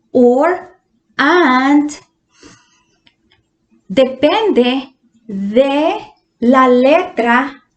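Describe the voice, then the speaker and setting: Woman, English teacher, patient, slightly high voice, echoey room. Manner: patient, drawn-out explanations with quiz questions to students. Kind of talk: slow grammar lesson for Spanish speakers.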